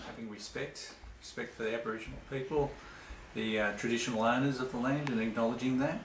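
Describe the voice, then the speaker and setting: A man's voice: medium pitch, a little hiss or hum. A man giving an earnest interview answer, hesitant with fillers. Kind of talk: casual spoken interview answer. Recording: echoey room.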